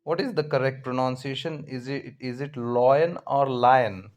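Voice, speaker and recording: A father with an Indian Marathi accent, chatting casually at home in a hesitant, halting, questioning way. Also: medium pitch, steady tone.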